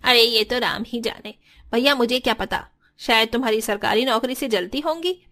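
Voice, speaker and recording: A woman's voice: on the high side, moderate pace, sharp tone. A woman voicing a sly, scheming aunt-in-law. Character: scheming meddling aunt-in-law stirring up family fights. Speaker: voice actor. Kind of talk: dubbed cartoon dialogue.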